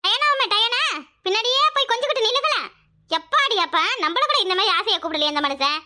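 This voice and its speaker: A woman with a southern Tamil village dialect voicing a jealous, sharp-tongued older wife who scolds sarcastically in a cartoon. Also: extremely high pitch, animated, fast talker, exaggerated voice. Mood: scolding. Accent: southern Tamil Nadu village dialect. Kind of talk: cartoon voice acting.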